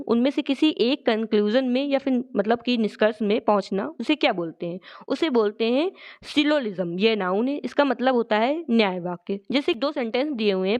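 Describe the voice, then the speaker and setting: A woman teaching a vocabulary lesson for exams, explaining each word step by step and reading the English definitions slowly. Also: a little high, highs cut off.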